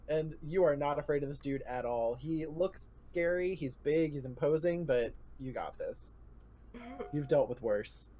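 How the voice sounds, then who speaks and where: A man narrating as game master for a tabletop role-playing session, relaxed and quick to laugh. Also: fairly high pitch.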